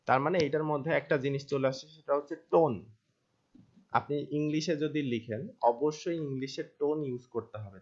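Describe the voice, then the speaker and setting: Guy teaching an online class, chatty, keeps asking then answering his own questions, kinda dull lo-fi sound. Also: a little high. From Bangladesh. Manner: conversational, asks himself questions and answers them; mixes English terms into colloquial Bengali. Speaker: online course instructor. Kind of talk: recorded live class lecture.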